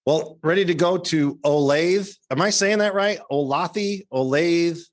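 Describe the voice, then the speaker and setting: A man's voice: high voice, normal speed. A man talking casually in a panel discussion, as a fire chief would among colleagues.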